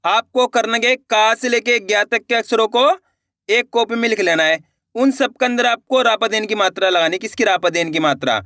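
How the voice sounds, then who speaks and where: A man teaching reading in a video lesson, sounding out each syllable slowly and asking the viewer how to say each one. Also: high voice, bright, forceful tone, dry recording, clean studio sound. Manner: slow, drawn-out syllables, asks the viewer questions.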